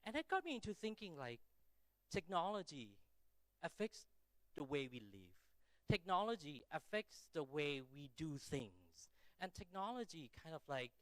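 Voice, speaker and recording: A middle-aged man with a Thai accent gives a conversational keynote. His voice sits a little high and is smooth and crisp, with a dry, close sound. He is self-deprecating and often checks in with short rhetorical questions. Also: big pitch swings, a little slow, dry recording, rough recording. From Thailand. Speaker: keynote speaker. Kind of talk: conference keynote speech, conversational and informal.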